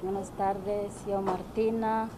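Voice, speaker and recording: Slow halting woman from Guatemala. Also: mid-range voice, little pitch movement. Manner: halting, searching for words. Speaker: speaker at a press conference. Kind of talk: personal testimony. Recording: noisy press room audio.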